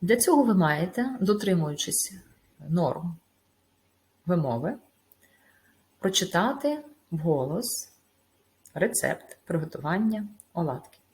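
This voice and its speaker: A woman teacher giving a recorded video lesson. She explains step by step in a measured way, with small hesitations. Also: on the low side, sing-song, darkish tone. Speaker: school teacher.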